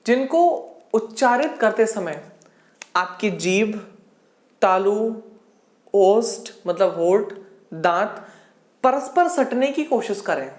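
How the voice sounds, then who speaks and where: Woman teacher in an echoey room. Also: mid-range voice. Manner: repeats questions and answers them herself; drills sounds aloud slowly. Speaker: Hindi teacher. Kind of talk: exam-prep grammar lesson.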